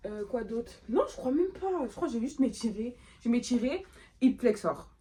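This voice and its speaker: A woman's voice: on the high side, expressive, moderate pace, warm tone, slightly rough. A woman vlogging in a casual chat, rambling and thinking aloud with lots of hesitations and playful self-talk.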